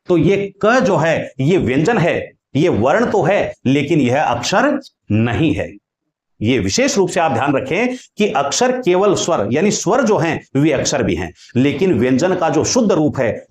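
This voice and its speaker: A man's voice: on the high side, roomy sound. A man teaching Hindi grammar in a lecture style, explaining patiently, repeating key points and drawing out sounds as examples while writing on a board.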